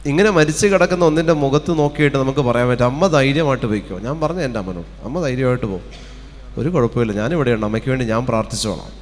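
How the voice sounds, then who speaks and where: Rapid-fire and mid-range, a man's voice with a Kerala Malayalam accent delivers a fervent sermon in a retreat centre hall, full of hallelujahs and rhetorical questions. The hall's reverb is long, with a little hiss or hum.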